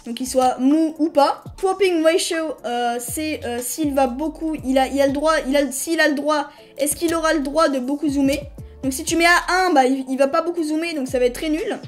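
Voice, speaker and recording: A woman hosting a casual screen-recorded software tutorial. She talks in a chatty, hesitant way, restarts her sentences and apologizes to viewers now and then. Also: high-pitched, normal speed, faint music behind. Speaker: tutorial host.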